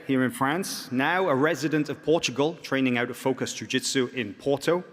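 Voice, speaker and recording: A man hosting a press conference, introducing athletes in a brisk, joking, promotional way. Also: on the high side. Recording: echoey hall reverb.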